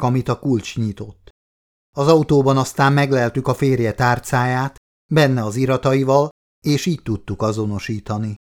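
A man voicing a police lieutenant colonel delivering bad news in an audiobook, formal and measured. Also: mid-range voice, natural voice. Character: middle-aged male police lieutenant colonel, formal and solemn. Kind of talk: audiobook character voice.

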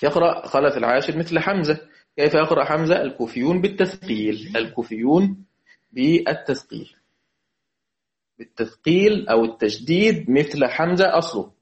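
A man with an Egyptian accent teaching Quran recitation, chanting verses slowly and quizzing his students. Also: a little high, animated. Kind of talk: religious lesson. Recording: dull lo-fi recording.

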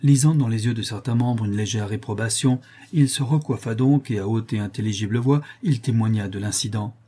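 A man narrating a historical novel as an audiobook, in a measured, even storytelling manner. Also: fairly low pitch, breathy edge.

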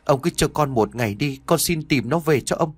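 A man's voice: fairly high pitch, lively intonation, normal speed, husky, no echo. A man voicing a terrified young servant in an audio story, pleading and panicked. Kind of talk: audiobook character voice.

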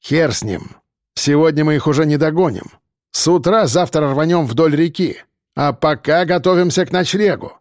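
A man's voice: fairly high pitch, normal speed, no echo, studio quality, close to an everyday voice. A man voicing a brutal male convict gang leader who barks crude slang threats, in an audiobook. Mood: gruff. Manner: coarse, barking slang threats.

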